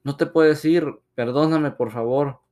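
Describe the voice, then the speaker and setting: A man's voice: a little high, a little slow, warm tone, voice pushed up, natural voice. A man voicing a middle-aged father who is caught cheating and begs his wife to stay. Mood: pleading. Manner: pleading.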